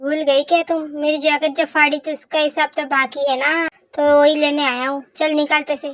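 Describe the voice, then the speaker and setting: A woman's voice: little pitch movement, a bit bright, no echo. A young woman playing a cocky teasing young man. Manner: teasing, bossy, low and slow at times. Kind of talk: fan audio drama reading.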